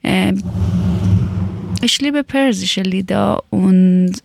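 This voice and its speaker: A woman's voice: medium pitch, drawn-out words, creaky, a little mellow, dry recording. A woman from Iran hosting a casual talk, speaking hesitantly in a learned language and often searching for words.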